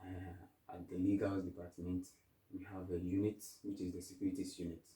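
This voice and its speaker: Deep-voiced young man from Ghana. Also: little pitch movement, normal speed, warm tone, roomy sound, recorded from a distance, low-quality recording. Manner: thoughtful, rambling with restarts. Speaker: interview guest. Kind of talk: casual interview.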